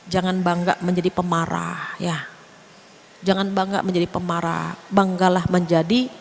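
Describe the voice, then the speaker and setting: In a big-sounding room with slight hiss or hum, a woman preacher speaks in a mid-range voice, delivering an informal Islamic lecture. She chats easily and performs bits of everyday dialogue in animated voices.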